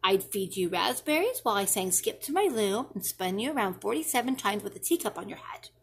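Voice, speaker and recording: Reading a children's storybook expressively, a woman voices a patient, playful mother who reassures her child with thoughtful answers. Her mid-range voice is very animated and fairly quick, with a reassuring mood. Slight background noise can be heard.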